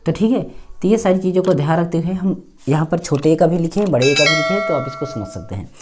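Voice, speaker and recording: A man's voice: a little high, animated, quick pace, husky. A man teaching English pronunciation in a chatty lesson, repeating words as drills. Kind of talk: casual classroom lesson.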